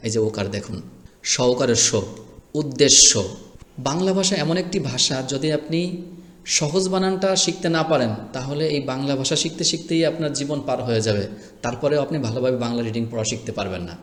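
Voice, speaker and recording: A man teaching a spelling lesson, spelling words slowly and patiently, letter by letter. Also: medium pitch, expressive. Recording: echoey room with long reverb.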